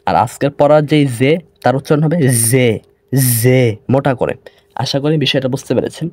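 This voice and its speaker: Man teaching a slow methodical lesson. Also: medium pitch, dry recording. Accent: Bangladeshi Bengali. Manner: slow, repeats sounds to demonstrate pronunciation. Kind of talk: online grammar lesson.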